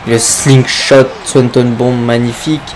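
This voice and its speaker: A man's voice: medium pitch, level tone, a little slow, noisy background. A man working as a wrestling commentator, calling the action play-by-play and exclaiming at big moves.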